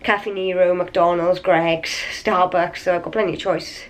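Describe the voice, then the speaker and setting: A woman chatting casually to her camera in a hotel room, slightly raspy and a little wheezy from a cold, rambling and tired. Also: fairly low pitch, fairly even intonation, moderate pace. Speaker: vlogger. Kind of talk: casual vlog chat to camera. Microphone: handheld camera.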